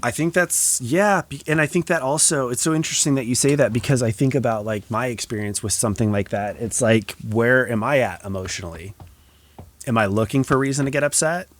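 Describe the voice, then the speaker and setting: A man hosting a podcast, talking in a reflective, soft-spoken way with many casual fillers. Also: mid-range voice, brisk. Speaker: podcast host.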